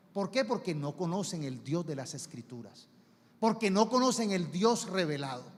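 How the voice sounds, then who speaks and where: Male preacher, high-pitched and emphatic, heard with long church reverb. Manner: emphatic preaching, mimics showy prayers, stretches key words. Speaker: pastor. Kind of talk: sermon. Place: church sanctuary.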